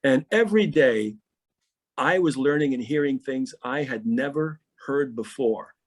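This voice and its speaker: A man's voice: mid-range voice, expressive, measured pace. A middle-aged pastor in a podcast interview, telling stories animatedly and often repeating words as he starts a thought.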